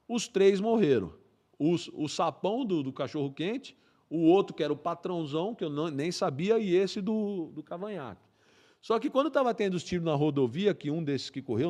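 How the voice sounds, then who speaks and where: This middle-aged man, a police colonel appearing as a guest, has a high-pitched and slightly mellow voice. Telling a story in a relaxed interview, he brings it to life by imitating gunshots and voicing each character.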